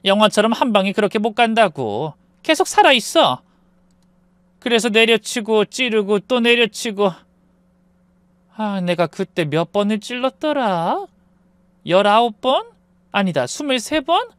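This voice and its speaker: A man voicing a calm, menacing middle-aged mother who talks slowly and softly in a Korean story narration. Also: medium pitch, clear, resonant tone, dry recording, pitched above the performer's own voice. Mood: coldly menacing. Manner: slow, soft and chillingly calm.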